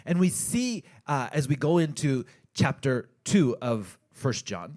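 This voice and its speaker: A man preaching a sermon in short phrases, pausing for an interpreter to translate, and praying softly. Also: mid-range voice, sing-song. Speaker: pastor.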